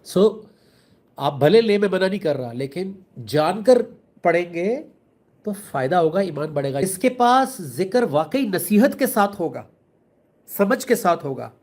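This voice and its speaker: A man's voice: sits high, big pitch swings, darkish tone. A man with a Pakistani accent giving an earnest religious talk, explaining with everyday examples and mixing in English words. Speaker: Islamic speaker.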